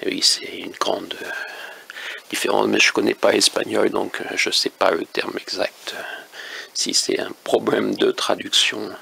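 A man with an accent from Quercy in southwest France, talking through a novel he loves in a halting way, full of hesitations and sometimes dropping to a near-whisper. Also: on the low side, little pitch movement, vocal fry, pushed and bright, slightly rough. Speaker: book reviewer. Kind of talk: casual book review monologue.

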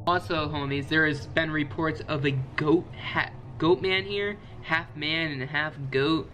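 A man's voice: a little high, fairly even intonation, unhurried, pushed and bright, a little hiss or hum. A young man vlogging casually from a bedroom, chatty and slangy as he talks straight to his viewers. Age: young adult. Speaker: urban exploration vlogger. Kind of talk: casual vlog talk to camera. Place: small bedroom lit with LED strips.

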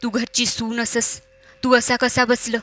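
A woman voicing a calm older village woman who performs rituals, coaxing and soothing, with a Malvani accent. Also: a little high, a little slow, soft background music.

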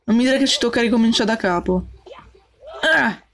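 A woman's voice: on the high side, expressive, normal speed, a little hiss or hum. A woman doing let's play commentary, jumpy and full of yelps, talking to her game character and her viewers. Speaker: gaming channel host.

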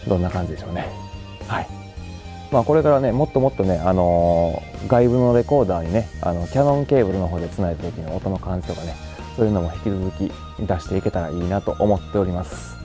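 Kansai guy, low-pitched, casual mic-test vlogger, faint music behind. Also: fast talker, mellow. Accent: Kansai Japanese. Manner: chatty, thinking aloud with many fillers. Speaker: gear reviewer. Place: indoors at home, later outdoors at night.

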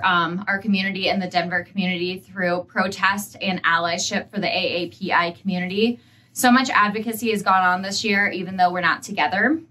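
A woman's voice: medium pitch, sharp tone. A young woman on the school staff, hosting a celebratory video message indoors and talking eagerly with many fillers. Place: indoor school room, seated side by side.

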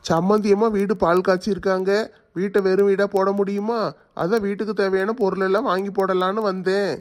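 A man's voice: sits high, little pitch movement, fairly quick. A man playing a kind, reassuring father-in-law in a family skit. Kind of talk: family comedy skit acting.

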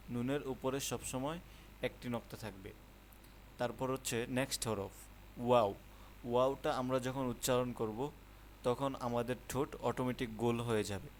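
A man with a Bangladeshi accent teaching the Arabic alphabet in an online lesson. He explains patiently, repeats his points, and draws out each letter sound slowly for students to copy. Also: mid-range voice, a little hiss or hum. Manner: slow, patient, drawn-out letter sounds for pronunciation.

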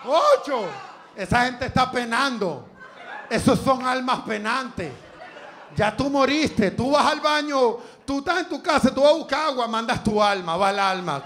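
A man's voice: very high voice, fairly bright tone, slight background noise. A man with a Venezuelan Spanish accent doing a live stand-up set on a comedy club stage, crude, profane and teasing the crowd.

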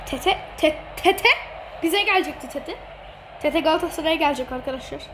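A woman with a very high, piping voice gives excited running commentary over a football video game. She teases and gloats at her opponent and laughs a lot. The recording is noisy, with game sound behind her. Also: brisk. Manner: teasing, gloating, laughing often. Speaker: gamer streamer.

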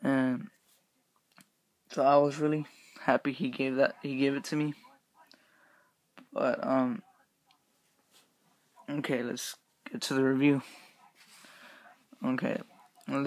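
A man's voice: mid-range voice, steady tone, takes it slowly, pauses often, no room sound. A young man reviewing a Halloween mask in a casual, rambling way, talking through the rubber mask he is wearing. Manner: rambling, filler-heavy, upbeat. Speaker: YouTube reviewer.

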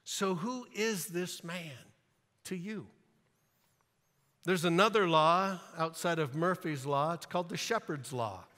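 Bright-voiced preacher in a reverberant church. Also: male voice, on the high side, slow pace. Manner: emphatic preaching, acting out Bible scenes in playful asides. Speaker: pastor. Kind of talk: sermon. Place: church sanctuary.

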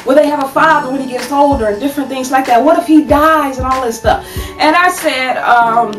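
Woman, 30s, advice vlogger. High voice, preachy and animated, echoey home room, far from the webcam. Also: brisk, faint music behind. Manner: animated, preachy, says "okay?" often. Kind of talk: casual advice talk to camera. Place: small room at home, indoors. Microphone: webcam at desk distance.

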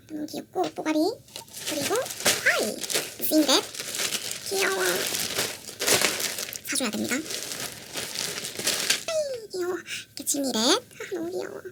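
A young woman vlogging as she unboxes merchandise, gushing and excitable, repeating how cute everything is. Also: high voice, creaky. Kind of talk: casual unboxing vlog. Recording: audible background noise with crinkling packaging.

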